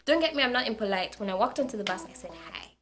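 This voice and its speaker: Lively young woman telling a story. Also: fairly high pitch, very fast. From Zambia. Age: young adult. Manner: animated, repeats words for emphasis. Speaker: university student vlogger. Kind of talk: casual storytelling to camera.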